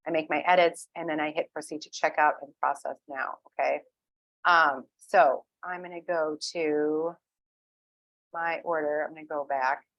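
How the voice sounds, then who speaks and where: A woman's voice: low voice, a bit bright, no echo, rough recording. A woman walking viewers through an online order in a chatty screen-share tutorial, with many "ums" and frequent "okay?" check-ins. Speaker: essential oil wellness advocate.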